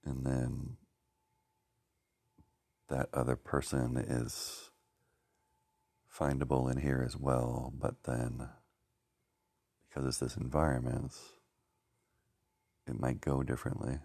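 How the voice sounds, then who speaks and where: A man musing slowly and haltingly, searching for words with many pauses and fillers. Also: extremely low pitch, level tone, vocal fry, darkish tone, no room sound. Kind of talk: rambling reflective talk.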